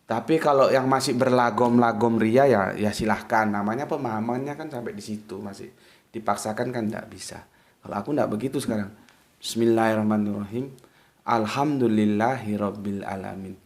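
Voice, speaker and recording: A man's voice: mid-range voice, brisk. Man teaching in an echoey room. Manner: casual, talks straight to listeners, often checks they follow. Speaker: religious teacher. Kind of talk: informal religious lecture.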